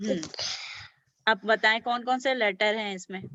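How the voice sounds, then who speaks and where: Woman teacher, patient and encouraging, crisp bright voice, dull lo-fi video call audio. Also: a little high, fairly even intonation, dry recording. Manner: patient, encouraging, sounds out letters slowly and praises often. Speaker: Urdu teacher. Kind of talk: beginner language lesson for children.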